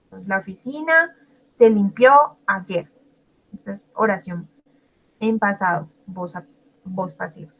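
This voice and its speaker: Slow, patient woman teaching English. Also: mid-range voice, fairly bright tone, rough recording. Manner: slow, patient, repeats and translates each answer. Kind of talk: bilingual grammar lesson.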